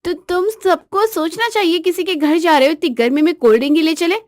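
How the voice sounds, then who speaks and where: Woman playing a bratty newlywed wife, high and piercing, cheeky, defiant, storybook tale. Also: fairly quick, dry recording.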